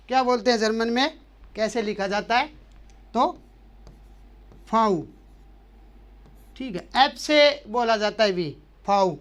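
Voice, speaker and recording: A man with a very high, clean, slightly bright voice works through the German alphabet letter by letter. He patiently poses a question and answers it repeatedly, as in a language lesson explaining letters.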